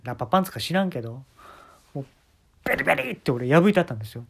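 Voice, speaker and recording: A man's voice: a little high, lively intonation, racing, vocal fry, slightly rough. Exasperated Kansai man telling a story. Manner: exasperated, wry complaining. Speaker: podcast host. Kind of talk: casual comic storytelling. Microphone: phone mic.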